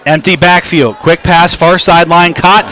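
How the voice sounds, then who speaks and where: A man calling high school football play-by-play on radio, his voice rising to a shout for an excited touchdown call. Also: moderate pace. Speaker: play-by-play announcer. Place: stadium broadcast booth. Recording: crowd behind, outdoor game ambience.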